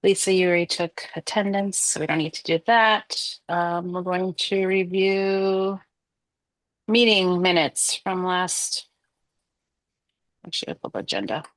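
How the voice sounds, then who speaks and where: A woman's voice: on the low side, fairly even intonation, unhurried, dry recording. A woman chairing a committee meeting over a video call, congested, casual and polite with many fillers. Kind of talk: running a virtual meeting.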